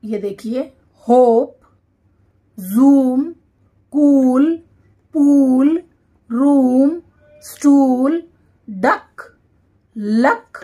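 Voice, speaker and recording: A woman teacher, reading English words one by one for a dictation lesson and repeating each one clearly. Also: sits high, dark tone. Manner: reads each word slowly and repeats it.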